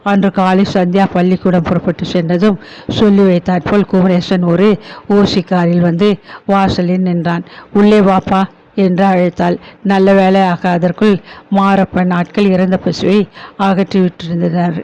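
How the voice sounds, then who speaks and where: High-voiced man narrating a story. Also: level tone, normal speed, darkish tone. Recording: dull lo-fi recording.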